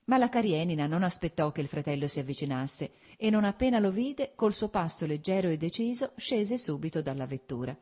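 A woman narrating a classic novel as an audiobook, in a measured, expressive reading. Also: deep voice.

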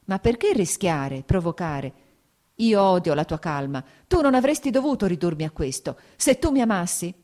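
A woman reading an audiobook, voicing a passionate young society woman who turns ironic and cries out in despair, pitched higher and louder than her narration. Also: big pitch swings, moderate pace. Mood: desperate. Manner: ironic, then crying out in despair.

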